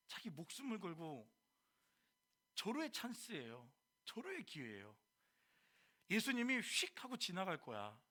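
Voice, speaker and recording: A man preaching to a high school youth group, animated, quizzing the listeners and slipping into casual speech.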